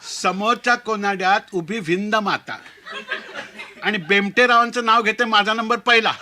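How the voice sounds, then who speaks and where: Brief: man reading as a prim young bride, matter-of-fact, bright and high. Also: fairly even intonation, normal speed. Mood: sing-song. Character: plain-spoken young bride of old times.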